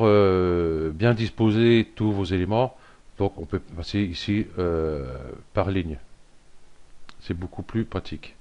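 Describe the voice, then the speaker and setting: A man giving a casual software tutorial, thinking aloud with lots of fillers and little self-deprecating asides. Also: deep voice, highs cut off. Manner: rambling, thinks aloud with many fillers and "hop". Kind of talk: casual screen-recorded tutorial.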